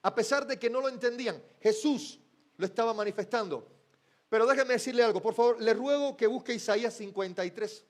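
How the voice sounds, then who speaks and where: A man preaching a sermon who keeps asking the congregation questions and waits for them to answer, sometimes dropping to a soft, low voice for emphasis. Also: a little fast. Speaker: pastor.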